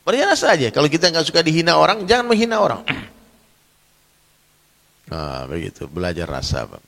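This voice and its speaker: A man preaching a sermon in a mosque, animated, often clearing his throat and addressing listeners directly. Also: on the high side, a little fast, long reverb tail. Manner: animated, addresses listeners as Pak, acts out quoted voices. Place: mosque hall.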